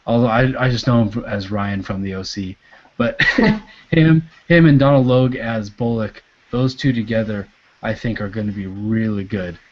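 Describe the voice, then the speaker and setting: A man co-hosting a comic book podcast, speaking in a laid-back, hesitant way with many fillers and quiet trailing endings. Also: fairly low pitch, normal speed. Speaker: podcast co-host. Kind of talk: casual chat. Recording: dull lo-fi podcast audio.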